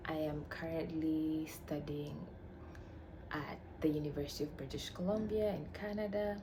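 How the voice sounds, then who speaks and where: Speaking at a moderate pace in a low, steady voice, a young Tanzanian vlogger introduces herself to the camera, chatty and playful with occasional whispery murmurs. She's recording in a shared room at home, and her roommates and general household noise come through in the background.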